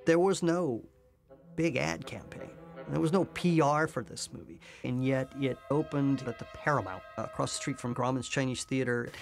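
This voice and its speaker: A man in a casual interview, recalling things in an excited, expressive way. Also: medium pitch, normal speed, gravelly, soft background music.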